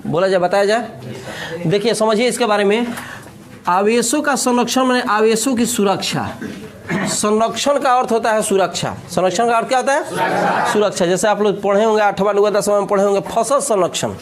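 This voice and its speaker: A man's voice: sits high, brisk, a crowd in the background. A man with a Bihari accent teaching physics in a classroom lecture, joking and often repeating questions to the class.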